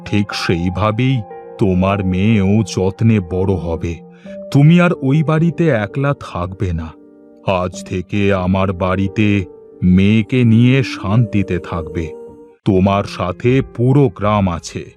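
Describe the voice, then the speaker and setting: A man's voice: fairly low pitch, slow. A kindly old village headman. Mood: reassuring. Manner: calm, reassuring, paternal. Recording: faint music behind the voice.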